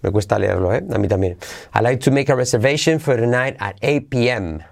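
Male teacher, mid-range voice, podcast lesson, drills phrases slowly and repeats them. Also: medium pitch, creaky. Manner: laughs at own slips. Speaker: English teacher.

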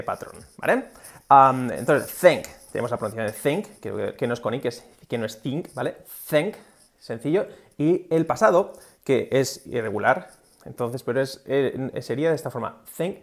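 A man's voice: medium pitch, creaky. A man giving a casual video lesson on English pronunciation, explaining with many fillers and modelling English words. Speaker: English teacher.

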